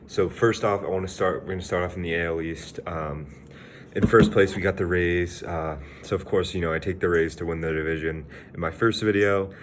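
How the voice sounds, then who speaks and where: Young man, very low voice, rambling offhand sports vlog host, slightly winded. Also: fairly even intonation, brisk, heavy background noise. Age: young adult. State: slightly out of breath. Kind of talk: casual sports vlog talk.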